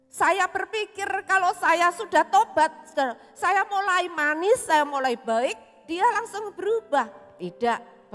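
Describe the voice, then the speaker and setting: A woman's voice: high-pitched, a bit bright. A woman pastor, preaching an emotional sermon with personal testimony and often addressing the congregation. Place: church. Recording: live-streamed church service with long reverb and faint music.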